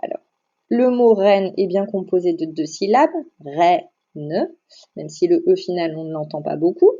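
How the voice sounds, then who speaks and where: A primary school teacher gives a phonics lesson to young children in a recorded slideshow, speaking slowly and over-articulating each sound and syllable so they can hear it. Her voice is lowish, mellow, soft and expressive, and the audio is somewhat dull and lo-fi.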